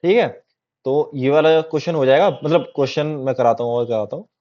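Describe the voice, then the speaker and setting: This coding tutor has a fairly high, mellow voice and talks a little fast. He teaches in a chatty, repetitive way, often checking in with "theek hai" to make sure listeners follow, on a dull lo-fi recording.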